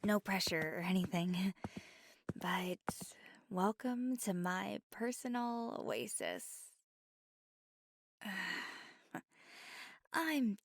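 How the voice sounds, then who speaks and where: A woman with a mid-range voice plays a nervous, apologetic young woman with water powers in an ASMR roleplay. She draws out words, pauses often and stammers, dropping into soft whispered asides. There's no room sound.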